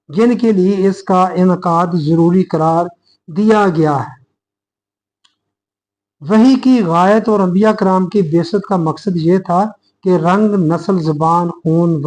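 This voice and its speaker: A man with a Pakistani Urdu accent delivering an earnest, explanatory sermon-style lecture, addressing listeners as brothers and pausing to restart his thoughts as he reasons aloud. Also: sits high, darkish tone, rough recording. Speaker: religious speaker.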